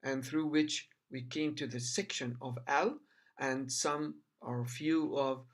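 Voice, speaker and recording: A man, an Arabic speaker, teaching a bilingual language lesson and repeating words in slow, emphatic drills. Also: mid-range voice, steady tone.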